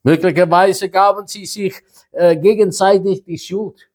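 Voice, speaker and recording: A preacher giving a sermon in a slow, emphatic way, with dramatic pauses. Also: medium pitch, steady tone, a little mellow.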